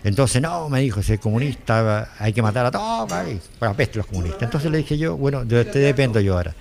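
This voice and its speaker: A man's voice: mid-range voice, big pitch swings, fairly quick, gravelly, darkish tone, a little hiss or hum. An older man with a Chilean accent giving a rambling personal testimony, often repeating himself and quoting what others said. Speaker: interviewee, former driver.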